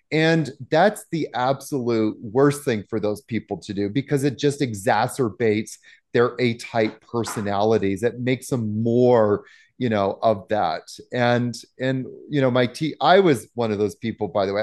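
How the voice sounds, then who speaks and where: A man's voice: medium pitch, darkish tone. A middle-aged man, a yoga teacher, speaking emphatically and bluntly in a casual interview, with many fillers.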